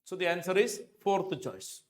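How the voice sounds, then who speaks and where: Here the chemistry coach, a middle-aged man with an Indian accent, sounds very animated, with a high voice and a moderate pace. His lecture works through exam questions, and he repeats key phrases for emphasis. It's captured by a lapel mic in an indoor teaching studio with a digital board.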